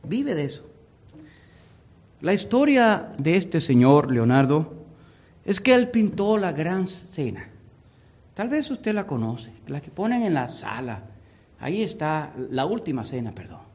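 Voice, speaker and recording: A male preacher telling a story in a sermon, dramatic and swinging from hushed to loud. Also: fairly high pitch, very animated, a little slow, pauses often.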